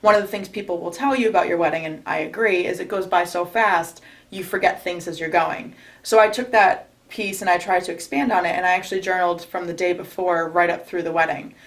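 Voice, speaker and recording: Speaking briskly with few pauses, this young woman has a lowish voice and a steady tone. She's a recent bride from New York state, a guest chatting casually with interview advice and restarting often.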